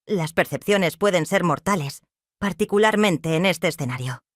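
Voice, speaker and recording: A woman's voice: lowish voice, animated, normal speed, no room sound, studio quality, close to an everyday voice. A narrator voicing a sly woman who gives veiled threats with false charm.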